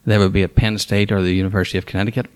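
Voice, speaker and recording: A man's voice: fairly low pitch, flat delivery, rapid-fire, smooth. A man in his fifties with a Northern Irish accent, a school superintendent answering questions in a casual interview, talking with many fillers and restarts. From Northern Ireland.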